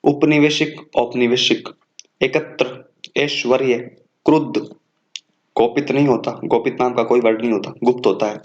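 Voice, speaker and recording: Male coaching teacher, mid-pitched voice, lists words and corrects them, slightly lo-fi sound. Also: steady tone, normal speed, darkish tone. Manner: lists words one by one, corrects wrong forms. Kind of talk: exam coaching lecture.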